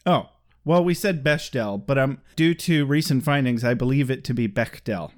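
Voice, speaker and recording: A man's voice: mid-range voice, a little fast, darkish tone. A man co-hosting a podcast in casual chat, laughing often and tossing in jokey asides. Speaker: podcast co-host.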